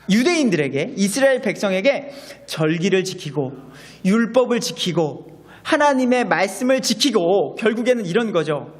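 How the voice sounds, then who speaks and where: A man preaching a sermon as pastor, animated and acting out quoted voices. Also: high-pitched, in a large hall.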